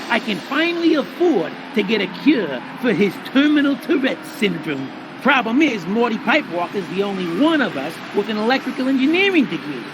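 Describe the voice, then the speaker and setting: A man's voice: high voice, noisy background. A man voicing a small, cocky, foul-mouthed rat hustler in a cartoon video game. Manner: cocky, gruff slangy talk.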